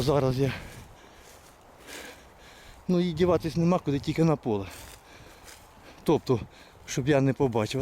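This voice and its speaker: A man filming his hunt with hounds in fields and woods, giving a hushed, muttered running commentary to viewers on a handheld camera and calling to his dogs. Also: medium pitch, a little hiss or hum. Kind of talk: live outdoor hunting commentary to viewers.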